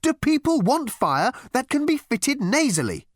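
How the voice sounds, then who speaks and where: Strident young businesswoman, played by a man, high, firm, insistent, comic storybook character. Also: wildly swooping pitch, normal speed, no echo, clean studio sound. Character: bossy young woman marketer with strident voice.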